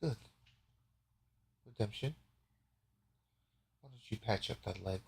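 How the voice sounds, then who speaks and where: A man narrating casually as game master, relaxed, with frequent fillers and easy laughter. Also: lowish voice, slow, creaky, background noise.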